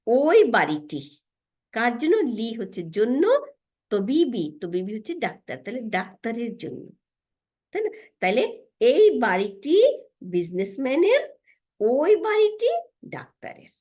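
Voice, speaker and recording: Lively woman teaching grammar. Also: on the high side. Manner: asks "right?" often, slows to spell out Arabic words. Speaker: Arabic teacher. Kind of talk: grammar lesson, explaining step by step.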